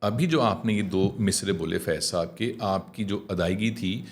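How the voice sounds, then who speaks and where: A middle-aged man, a communication trainer, coaching a host in clear speech in an animated, conversational way, often slowing down to demonstrate. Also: sits low. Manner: animated, mixing English phrases, demonstrating slow clear diction.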